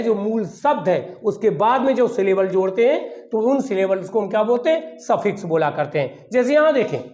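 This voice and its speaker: A man's voice: extremely high pitch, darkish tone. A male teacher giving a grammar lesson, repeating key points and asking questions that he answers himself. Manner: repetitive, asks and answers his own questions. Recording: echoey room.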